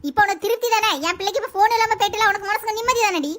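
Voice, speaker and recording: A woman's voice: extremely high pitch, fairly even intonation, racing, a bit bright, pitched below the performer's own voice. A woman voicing a fierce, protective middle-aged mother who scolds harshly in a family skit. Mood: angry.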